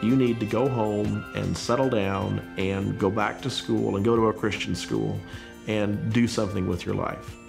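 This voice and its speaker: A man with a low, gravelly voice tells his story in an interview, slowly and with care, as if still finding the words. Clear music plays under him. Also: steady tone. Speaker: interviewee, former arcade gamer. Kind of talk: reflective interview recollection.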